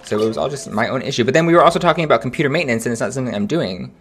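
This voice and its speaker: A young man streaming a game, chatting casually with viewers in an animated, slangy way. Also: medium pitch, racing, faint music behind. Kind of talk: casual livestream chat.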